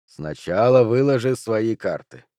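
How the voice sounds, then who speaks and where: A man voicing a cool, unflappable card sharp in an audiobook, speaking quietly and measured. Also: on the low side, lively intonation, dry recording, clean studio sound. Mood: cold. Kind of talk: audiobook character reading.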